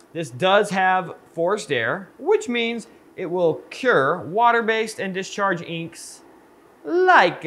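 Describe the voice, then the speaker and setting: A man in his thirties with a slightly high voice that sounds congested and nasal, as though he were pinching his nose. He chats to the camera like a vlogger, in an easygoing, conversational way. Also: fairly bright tone. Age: 30s. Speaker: screen printing shop owner and vlogger. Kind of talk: casual vlog talk to camera. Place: indoors in a screen printing workshop.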